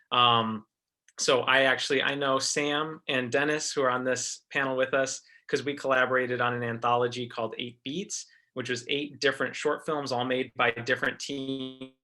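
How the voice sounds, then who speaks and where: A man's voice: medium pitch, pushed and bright. A man from American Samoa who teaches film, introducing himself casually on a video-call panel with lots of ums and restarts. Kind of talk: panel discussion, personal intro.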